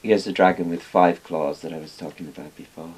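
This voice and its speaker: An older Welsh man with a deep, darkish, slightly rough voice talks a little fast in a fairly even tone. He's an interviewed expert on Chinese dragons, explaining things casually and discursively in a small book-lined room. Hissy background noise runs through the recording.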